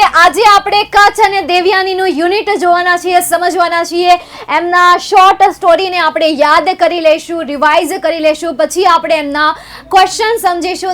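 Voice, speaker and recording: Young Gujarati woman tutor, high-pitched, playful and teasing on a live class. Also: a bit bright. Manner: playful, teasing, chatty with students. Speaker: online tutor. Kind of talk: chatty live exam revision lesson.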